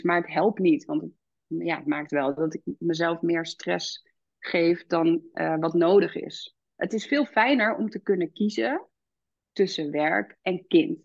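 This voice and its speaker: Gravelly-voiced woman, reflective and candid. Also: lowish voice, no room sound, dull audio. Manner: reflective, many fillers, animated when quoting her child. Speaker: podcast guest, founder and midwife. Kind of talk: candid conversational interview.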